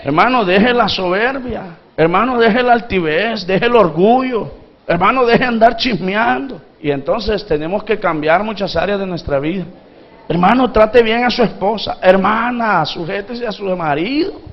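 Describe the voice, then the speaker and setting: A man's voice: high voice, normal speed, lo-fi sound. A man pastor from Honduras preaching a sermon, calling for responses from the congregation and acting out pleading voices from the story. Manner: acts out pleading voices from the parable.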